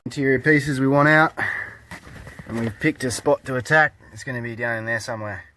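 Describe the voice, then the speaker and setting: A man talks through a hands-on job in a laid-back, plain-spoken way. His voice sits at a middle pitch. He sounds like a casual DIY vlogger, with some light noise behind him. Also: brisk, bright, forceful tone. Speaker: host of a DIY car video.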